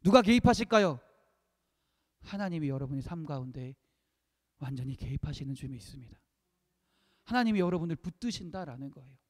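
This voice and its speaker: A man preaching a sermon, emphatic, repeating key phrases and swinging between loud peaks and hushed lines. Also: a little high, lively intonation, fairly quick, pauses often. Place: church sanctuary. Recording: long reverb of a church hall.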